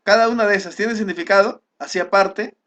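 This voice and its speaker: Male teacher, high-pitched, patient explainer, recorded class lesson. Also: fairly even intonation, a little fast, a bit bright, lo-fi sound. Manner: explanatory, with frequent checking "¿ya?" and restarts.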